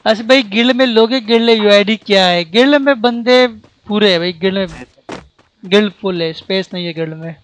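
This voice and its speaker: A man streaming a game with friends, chatting casually and calling out to his teammates with excitement. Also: sits high, a little fast. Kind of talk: casual gameplay chat.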